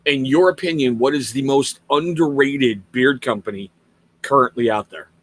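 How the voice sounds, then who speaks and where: A man's voice: medium pitch, moderate pace, a bit bright. Upbeat man hosting a livestream. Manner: upbeat, reads viewer questions from chat. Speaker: host. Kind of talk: casual livestream interview.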